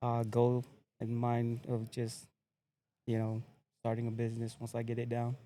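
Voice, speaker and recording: A young man from American Samoa, a podcast guest telling his story in a relaxed, laid-back casual chat. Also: medium pitch, moderate pace.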